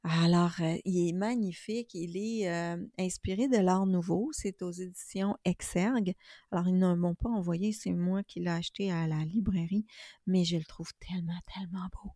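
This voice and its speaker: A middle-aged woman with a Québécois accent, talking calmly and soothingly in a casual spiritual vlog about inner peace and tarot. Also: fairly low pitch, moderate pace, no echo, clean studio sound. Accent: Québécois French. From Quebec. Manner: calm, soothing, gently reflective. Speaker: spiritual YouTuber and tarot reader.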